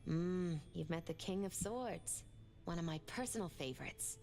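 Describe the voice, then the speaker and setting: A woman playing a mystical, thoughtful tarot reader in a video game, speaking in a measured, musing way. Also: fairly low pitch, animated, dark tone. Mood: calm, musing. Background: faint music.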